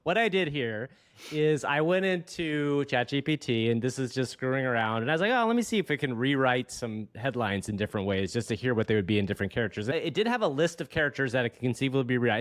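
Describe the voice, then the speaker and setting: A man's voice: medium pitch, animated, fast talker. A man co-hosting a podcast in casual chat, joking and laughing often. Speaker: podcast co-host.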